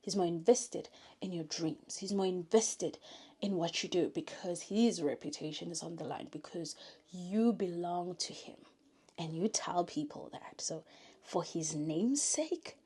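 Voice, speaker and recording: A woman from South Africa with a South African accent, telling an earnest, faith-filled story in a casual vlog and often dropping to a soft whisper. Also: on the low side, a little slow, husky. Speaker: YouTuber.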